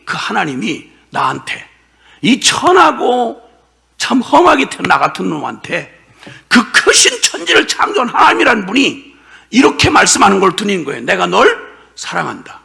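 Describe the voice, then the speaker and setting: An older man preaching a sermon as a pastor, telling his testimony emotionally with bursts of shouting and laughter. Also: sits high, creaky. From South Korea.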